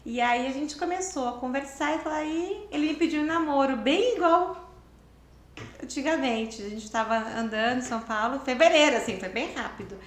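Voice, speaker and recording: Brief: Brazilian interview guest, a woman around fifty, fairly high voice, animated, acts out the dialogue as she tells her story, roomy echo. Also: normal speed. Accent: Brazilian Portuguese. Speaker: interview guest, writer and lawyer.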